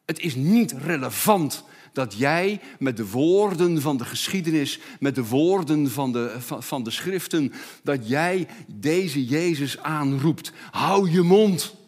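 A man voicing a hostile crowd that gruffly tells a beggar to shut up, in a lower, dismissive voice. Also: lively intonation, takes it slowly, darkish tone. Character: hostile grumbling crowd of men silencing a beggar.

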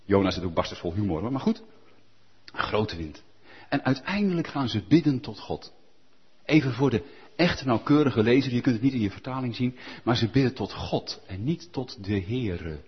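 A man preaching a sermon, animated and firing rhetorical questions at the congregation. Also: medium pitch, moderate pace, slightly rough, highs cut off.

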